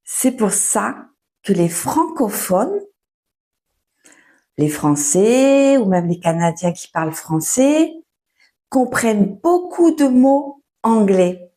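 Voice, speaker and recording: A young woman giving a casual, patient French lesson at home, often pausing with fillers and restarting her sentences. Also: fairly high pitch, very animated, dark tone. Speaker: French teacher. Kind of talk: casual spoken lesson for learners.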